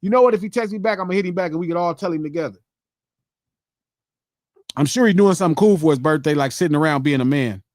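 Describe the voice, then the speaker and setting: Guy in his 50s reading donation shout-outs on a stream, pretty high voice, dry close mic. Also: fast talker, long pauses, dry recording. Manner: reads viewer shout-outs, animated banter. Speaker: podcast host reading donations. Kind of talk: casual live-stream chat.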